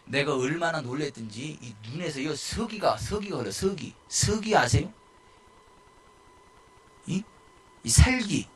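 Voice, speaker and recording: A male pastor giving a lively sermon in a church, rising to shouts and acting out the people in his stories. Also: fairly high pitch, unhurried, long pauses, breathy edge. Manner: animated, shouting at peaks, mimicking people.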